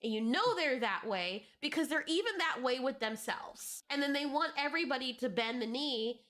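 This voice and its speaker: A woman's voice: sits high, animated, moderate pace, fairly bright tone. A young adult woman co-hosting a reaction show, ranting in heated, exasperated casual chat and swearing freely. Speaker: co-host reacting to clips.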